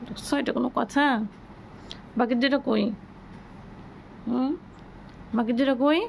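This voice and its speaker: A woman talking to her pets at home, half scolding and half coaxing in a playful singsong. Her voice sits fairly high, with a gravelly edge. A faint hiss of background noise runs under the recording. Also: steady tone, unhurried. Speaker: pet owner vlogger. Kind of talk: casual talk to her cats. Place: home, bedroom.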